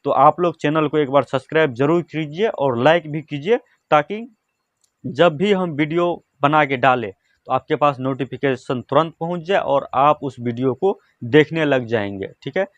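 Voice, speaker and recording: A man's voice: a little high, normal speed, dry recording, dull audio. A man teaching a grammar lesson, repeating each point and checking in with "theek hai". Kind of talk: classroom-style grammar lesson.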